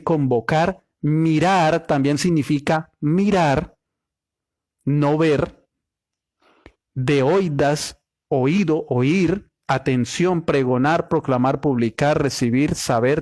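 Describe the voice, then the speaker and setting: A man leads a Bible study in an unhurried, deliberate way, with a voice pitched a little high. He lists word meanings one after another and poses questions he answers himself. The sound is dry and close. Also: darkish tone, dry recording. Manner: asks the listeners questions and answers them himself. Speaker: Bible teacher.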